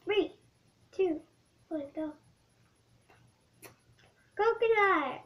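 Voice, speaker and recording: A woman's voice: very high voice, extremely slow, muffled recording. A young girl vlogging a casual jelly bean challenge with a friend, giggly and playful. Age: child.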